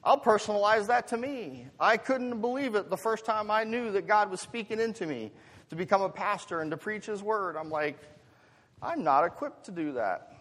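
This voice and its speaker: This American preacher's voice is fairly high and fairly bright, expressive and at normal speed. He asks the congregation rhetorical questions in pastor fashion, alternating chatty asides with emphatic swells, all under the long reverb of a large hall.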